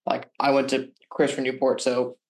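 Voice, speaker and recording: A young man with a boyish voice hosts a podcast in a casual, conversational way. His intonation stays very even, with little rise and fall. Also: mid-range voice, a little fast. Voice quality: boyish-sounding voice. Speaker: podcast host. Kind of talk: casual interview chat.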